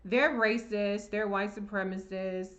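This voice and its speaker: A woman's voice: mid-range voice, steady tone, unhurried, fairly bright tone, muffled recording. A woman hosting a live Q&A, reading viewer comments and answering in a blunt, chatty, profane way. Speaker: livestream host.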